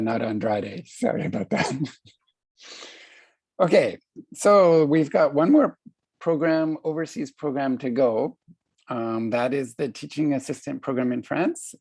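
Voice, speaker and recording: Man, panel moderator, gravelly and husky, dry sound, light laughs. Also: medium pitch, a little mellow, no echo. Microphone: video call.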